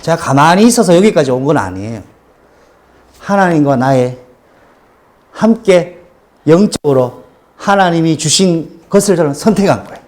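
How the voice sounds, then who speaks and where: Animated high-voiced male pastor preaching. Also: normal speed, pauses often. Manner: animated storytelling testimony, acting out quoted cries. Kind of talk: sermon.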